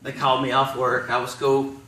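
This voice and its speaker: Pastor preaching a testimony in an echoey church. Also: male voice, medium pitch, completely flat delivery, fairly quick. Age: 30s. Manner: storytelling, swinging from hushed to shouting. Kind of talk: testimony sermon. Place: large church sanctuary. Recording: echoey hall, distant mic.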